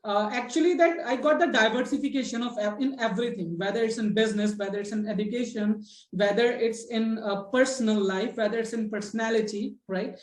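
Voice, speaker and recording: Hosting a relaxed spoken English discussion, this woman, whose first language is Hindi, speaks with an Indian English accent in a slightly high, darkish voice, a little fast. She checks in with her guests often and chats with many fillers and restarts, while the room rings with a clear echo.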